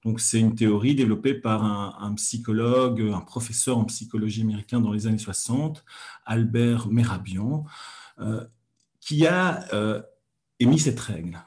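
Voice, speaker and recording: A man hosting a weekly hypnosis lesson, talking calmly with frequent hesitant pauses and fillers. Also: fairly low pitch. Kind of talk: calm teaching talk on a livestream.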